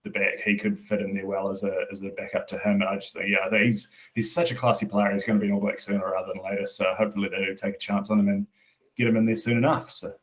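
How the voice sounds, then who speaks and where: New male host, rapid even delivery, low voice, casual sports chat. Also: poor audio. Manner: brisk, runs the segments. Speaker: podcast host.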